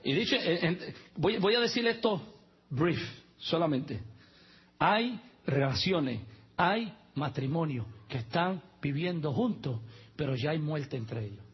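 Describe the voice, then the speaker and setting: A male pastor with a high, husky voice delivers a sermon, dropping humorous asides and spelling out words letter by letter. The recording is dull and lo-fi. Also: expressive, unhurried.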